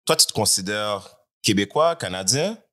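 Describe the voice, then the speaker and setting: A man's voice: on the low side, animated, normal speed, a bit bright. A man co-hosting a podcast in casual chat, asking challenging questions. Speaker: podcast co-host.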